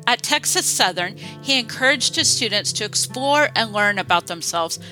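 A woman giving scripted documentary narration in a measured, even manner. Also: mid-range voice, poor audio. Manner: measured, reads quotes aloud. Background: music.

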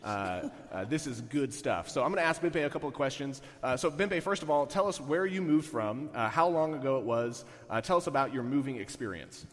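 A man's voice: medium pitch, animated, brisk, hardly any pauses. A man preaching a sermon as the pastor, conversational and full of "uh"s, interviewing a church member. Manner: conversational, hesitant with many fillers. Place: church sanctuary. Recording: church hall reverb.

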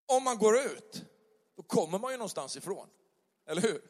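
A man's voice: sits high, very animated. Chatty preacher man in a big echoing hall. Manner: chatty, acts out little quoted dialogues. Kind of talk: conversational sermon. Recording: long hall reverb.

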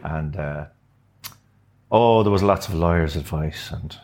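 Sitting in a furnished upstairs room of a venue, this older Sligo musician shares stories as an interview guest, casual and a little hesitant. His west of Ireland accent rides on an unhurried bass voice with a darkish tone.

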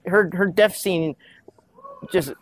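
A man's voice: high voice, slow, slight background noise. A man hosting an interview at a gaming convention, rambling casually and jumping between topics with frequent restarts. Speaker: podcast host, interviewer.

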